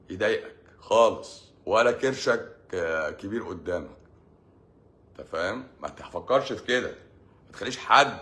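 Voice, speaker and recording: This Egyptian man speaks in a fairly low, somewhat bright voice. He's a doctor hosting his own channel, giving a casual monologue in Egyptian Arabic and advising his audience in a sarcastic, mocking tone.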